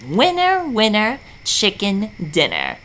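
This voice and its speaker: A scheming, hungry male fox from a storybook, acted by a woman. He muses and gloats to himself in a bright voice with lively swings of pitch. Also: slow, full character voice. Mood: gloating. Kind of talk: animated storybook character voice.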